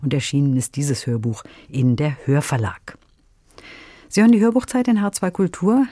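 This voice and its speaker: A male radio host reading his introduction in a calm, scripted, announcing way. His voice sits at a mid pitch with a mellow, dark tone, and it is recorded dry and close. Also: no room sound. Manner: measured, announcing. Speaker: radio presenter.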